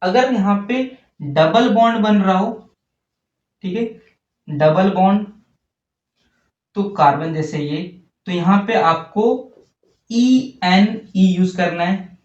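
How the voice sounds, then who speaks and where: A man teaching a chemistry lesson while writing on a board. He talks slowly, asking questions and answering them himself. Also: high voice. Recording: distant, echoey, dull lo-fi.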